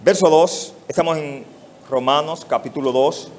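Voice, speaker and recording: A man's voice: a little high, normal speed. A male pastor with a Mexican Spanish accent preaching an expository sermon, putting rhetorical questions straight to his congregation.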